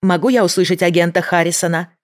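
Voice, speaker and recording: Lightly acted and fast, with a mid-range voice and fairly even intonation, an audiobook reader plays a tense female federal agent. She negotiates with a bomber, holding her voice steady in a controlled, pleading, restrained way.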